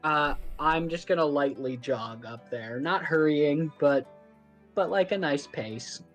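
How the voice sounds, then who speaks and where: A man's voice: fairly high pitch, faint music behind. A man playing a tabletop game, chatting casually with lots of "like". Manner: casual, halting with 'like'. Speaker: player.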